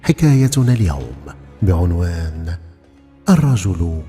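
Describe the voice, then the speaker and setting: A man narrating a folk tale with dramatic, lively storytelling and voiced dialogue. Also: low voice, unhurried. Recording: long reverb with faint music.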